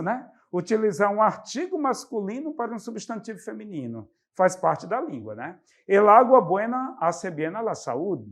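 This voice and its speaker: A man from Brazil explaining Spanish grammar to students, stressing the example words loudly. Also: high voice. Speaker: Spanish teacher. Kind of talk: classroom explanation.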